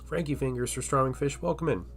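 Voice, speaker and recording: A man with a nasal voice and a stuffy cold hosts a laid-back livestream as he paints miniatures. His medium-pitched speech is fast and carries vocal fry, with soft music in the background. He rambles and hesitates, sometimes trailing off into murmurs while he works.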